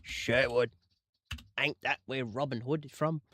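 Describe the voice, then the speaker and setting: A man's voice: mid-range voice, animated, a little slow, creaky, fairly bright tone, slight background noise. A man chatting in a casual, jokey way on a livestream while he edits audio on his computer. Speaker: streamer editing rail audio.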